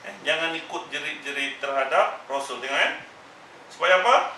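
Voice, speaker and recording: A man's voice: on the high side, normal speed, pushed and bright, slight background noise. A man teaching a Quran exegesis class, admonishing his listeners emphatically and repeating his warnings. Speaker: religious teacher. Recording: echoey room, mic far off.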